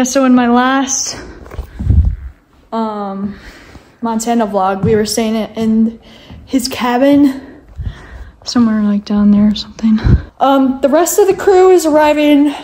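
A woman's voice: high-pitched, dark tone. A young woman vlogging casually, chatting to the camera about the trip. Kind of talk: casual travel vlog.

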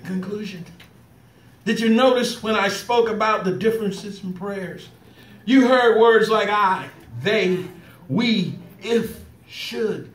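A man's voice: high-pitched, slow pace. A man preaching a trial sermon, emotional and fervent, telling his testimony with laughter while a congregation calls back. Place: church sanctuary. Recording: echoey church recorded from a distance. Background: congregation calling back responses.

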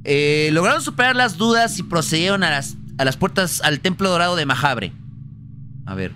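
A Mexican man doing casual live gameplay commentary, excitable and foul-mouthed, often bursting into shouts. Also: a little high, normal speed, soft background music. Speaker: livestreamer playing a video game. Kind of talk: casual live gameplay commentary, translating on-screen text aloud.

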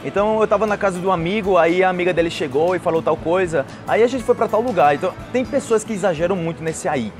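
His voice high-pitched and fast, with hardly any pauses, a young man with a Brazilian accent teaches a conversational language lesson to camera over music. The young adult uses acted example phrases while outdoors on a patio by trees and a street, and he's miked with a lapel mic.

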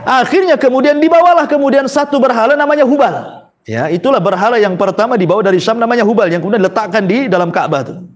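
A man with a high-pitched voice gives a storytelling sermon. He talks to his listeners conversationally, drops in rhetorical questions and short tag words, and now and then lets out a chuckle. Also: lively intonation, fast talker. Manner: conversational, asks the audience rhetorical questions, frequent "ya" tags. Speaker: preacher.

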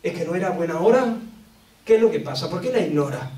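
A man from Spain with a Spanish accent preaching a sermon at a church retreat, dramatic, swinging between loud outbursts and hushed lines. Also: high voice, expressive, fast talker. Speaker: pastor. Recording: echoey room, distant mic.

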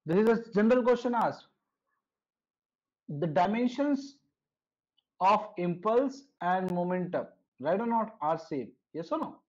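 A man's voice: high-pitched, animated, measured pace, long pauses. A man with a North Indian accent teaching physics in a live online lesson, often checking understanding with short tag questions. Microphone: online video call. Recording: dull, lo-fi online class audio.

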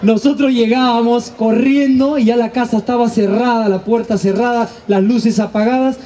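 A man telling stand-up stories on stage, animated, slangy and crude. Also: very high-pitched, normal speed. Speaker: stand-up comedian. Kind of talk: stand-up storytelling. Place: live stage show.

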